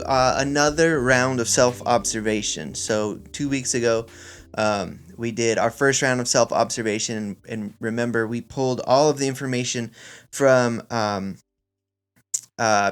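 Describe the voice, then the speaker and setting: A man hosting a podcast solo, explaining things informally in measured phrases and addressing listeners directly as friends. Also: mid-range voice, clear, resonant tone. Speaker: podcast host.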